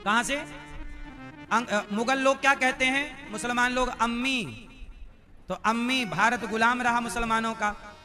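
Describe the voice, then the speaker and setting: A man's voice: very high voice, measured pace, pauses often, bright, forceful tone, soft background music. A man giving a devotional discourse as preacher, quizzing and teasing his listeners with rhetorical questions and scolding answers. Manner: quizzes and teases the audience with questions.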